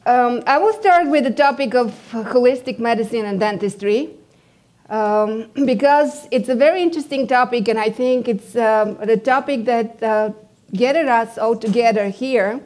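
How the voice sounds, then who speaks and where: A woman from Bulgaria, a dentist giving a conference presentation, hesitant with many fillers and losing her voice as she keeps clearing her throat. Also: fairly high pitch, normal speed, darkish tone.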